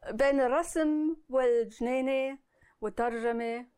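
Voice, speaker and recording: A woman's voice: high voice, moderate pace, mellow, clean tone. A woman, chatting casually as an interview guest. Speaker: interview guest, translator and painter. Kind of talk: casual chat.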